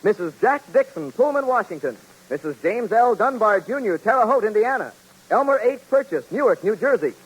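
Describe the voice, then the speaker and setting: A man's voice: high voice, big pitch swings, normal speed, slightly rough, low-quality recording. A man announcing contest winners and a holiday sign-off in a formal style, heard as an old radio show broadcast. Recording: vintage radio broadcast with faint music.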